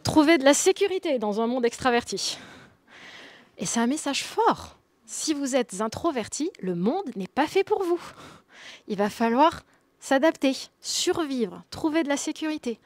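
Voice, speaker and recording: A woman in her thirties presents at a conference in a fairly high voice. She keeps it conversational and drops little quips to the audience. The sound is dry and close. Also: very animated, measured pace, no room sound. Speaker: conference speaker. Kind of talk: conference talk.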